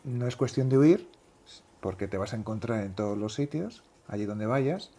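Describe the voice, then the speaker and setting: A woman's voice: very deep voice, animated, normal speed, dark tone. A woman interviewer who asks long, hesitant, searching questions.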